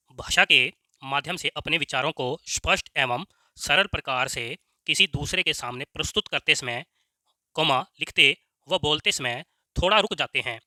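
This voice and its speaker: A man teaching Hindi grammar, dictating slowly and repeating words so students can write them down, often saying "ok ji". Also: a little high, bright, forceful tone, dry recording, studio quality. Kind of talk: slow dictation-style lesson.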